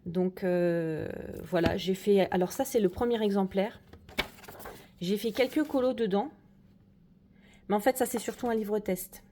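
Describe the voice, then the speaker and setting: A woman's voice: mid-range voice, unhurried, long pauses, dark tone, slight background noise. A woman chatting casually through a tour of her coloring corner, hesitant and friendly. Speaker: coloring hobby vlogger. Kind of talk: casual room tour chat.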